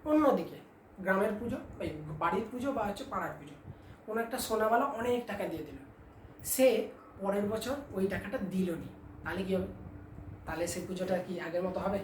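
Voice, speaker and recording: A woman teaching a class, asking questions and answering them herself, dictating points slowly for her students. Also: mid-range voice, darkish tone, slight background noise. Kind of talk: classroom chemistry lesson. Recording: echoey room, mic at a distance.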